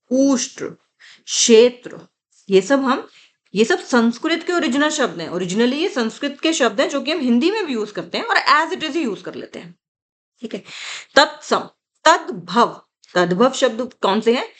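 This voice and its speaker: A woman's voice: fairly high pitch, fairly bright tone. A woman teaching an exam-prep grammar lesson, explaining patiently, repeating key words and answering her own questions.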